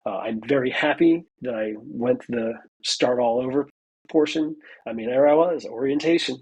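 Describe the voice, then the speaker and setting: In a rough recording, a medium-pitched, slightly rough and a little mellow male voice speaks at a moderate pace. The speaker, an American military veteran in his forties attending college, tells a story in a casual interview, chatty and full of fillers like "you know", acting out what people said.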